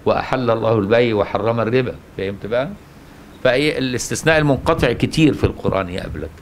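A man's voice: mid-range voice, lively intonation, rapid-fire, slight background noise. A man with an Egyptian Arabic accent giving a religious lesson on the Quran, often asking rhetorical questions and answering them himself. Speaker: Quran teacher.

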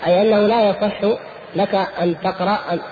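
A man giving a religious lesson, explaining verses in a measured way and repeating key phrases for stress. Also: high-pitched, fairly even intonation, crowd noise. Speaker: Islamic scholar teaching. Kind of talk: religious lesson on Quran recitation. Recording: tinny lo-fi recording in echoey hall.

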